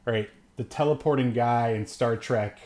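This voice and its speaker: A man with a mid-range, darkish voice speaks at a normal pace. He co-hosts a film review podcast, rambling through a casual, comedic movie recap full of jokes and frequent chuckles.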